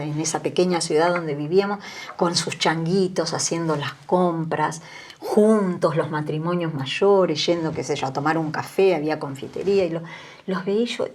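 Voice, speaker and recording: A woman in her sixties with an Argentine Spanish accent, a guest telling her story with earnest emotion. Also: lowish voice. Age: 60s. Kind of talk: testimony in an interview.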